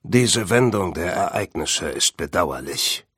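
A male storybook narrator voicing a sinister evil sith lord with a cold, commanding delivery and a slightly lowered voice. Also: lively intonation, a little slow, fairly bright tone, slightly rough, no echo, studio quality, heavily acted.

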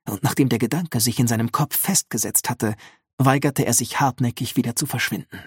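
A man narrating an audiobook in a calm, measured storytelling manner. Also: mid-range voice, breathy edge, dry recording, clean studio sound. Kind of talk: scripted narration.

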